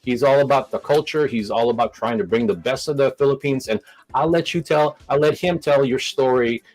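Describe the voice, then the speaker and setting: A man's voice: mid-range voice, brisk, a little mellow, rough recording. A man hosting a live stream, talking casually with many restarts and a nervous laugh.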